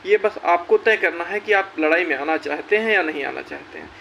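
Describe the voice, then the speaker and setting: A young YouTube host rallies job candidates on his own channel, urging them to join the fight and repeating phrases for emphasis. His voice is a little high and a little fast, bright and pushed, with vocal fry. The sound is dull and lo-fi with a faint hiss.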